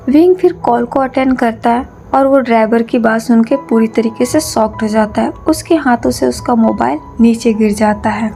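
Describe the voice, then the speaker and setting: A woman narrating a fan fiction story in a calm, even storytelling manner. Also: a little high. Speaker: storyteller, channel host. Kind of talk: reading fan fiction aloud.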